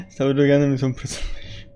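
A man's voice: fairly high pitch, dark tone, slightly rough. A man streaming a game, chatting casually, laughing often and swearing when surprised. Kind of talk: casual gaming stream chat.

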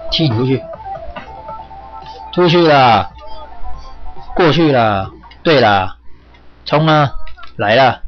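A man streaming a game, chatting and swearing at the characters as he goes. His pitch swings a lot around a middle register. The sound is dull and lo-fi, with game music playing clearly behind him. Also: lively intonation, slow, long pauses. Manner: chatty, cursing, urging characters on. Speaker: gaming streamer. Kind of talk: live gameplay commentary.

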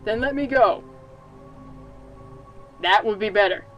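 A woman's voice: medium pitch, slow, fairly bright tone, lo-fi sound, soft background music. A woman voicing a grieving, defiant young girl who speaks in a sulky, bitter way. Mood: angry.

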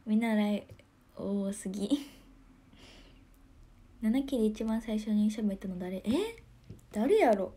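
A young woman with a Kansai accent, hosting a casual livestream. She chats about viewer comments in a giggly, soft-spoken way and often drops to a near whisper. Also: medium pitch, slow, pauses often. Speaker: idol livestream host.

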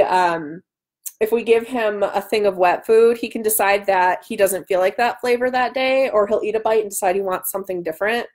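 A woman's darkish, mid-range voice carries through a webcam at arm's length as she hosts a livestream. In her thirties and an author, she chats in a casual, playful way from a small room at home.

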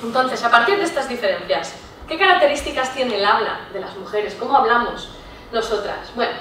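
A woman lectures a live audience in a big, very echoey hall, her fairly high voice picked up from well off the mic with faint ambient hiss behind it. She talks in an engaging, explanatory way and keeps checking that listeners follow with a quick "¿sí?". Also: animated, fairly bright tone. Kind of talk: public talk to a live audience. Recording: echoey room, voice from far off.

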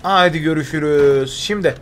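A slightly high, somewhat bright male voice moves at a moderate pace, with some hiss or hum in the background. The young streamer commentates on a survival game, talking to himself chattily and reading and thanking his chat.

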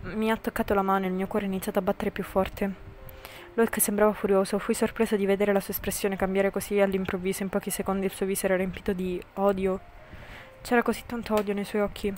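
A woman's voice: mid-range voice, little pitch movement, quick pace, darkish tone, a little hiss or hum. A woman narrating and reading all the parts of a story game in an amateur fan voice-over. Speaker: narrator and reader.

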